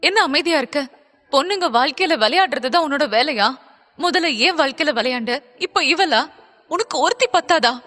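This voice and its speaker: A woman's voice: high voice, animated, brisk, pushed and bright, big-room sound, full character voice. A woman voicing a hurt and angry young woman who accuses her lover, in an audiobook. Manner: accusing, bitter, pleading.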